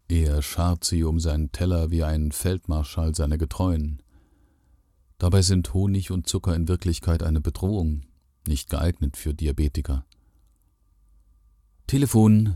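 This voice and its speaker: A man reads a first-person story aloud with a calm, measured delivery. His voice sits very low and sounds dark and mellow. The recording is dry and close, with no room sound. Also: no echo. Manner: calm, measured storytelling with lively quoted lines. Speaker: narrator. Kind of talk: literary reading, first person.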